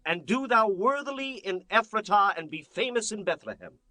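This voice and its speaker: A man's voice: high voice, lively intonation, normal speed, sharp tone, no echo. A man playing a solemn town elder, declaiming a ceremonial blessing in scripture drama. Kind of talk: dramatized scripture audiobook acting.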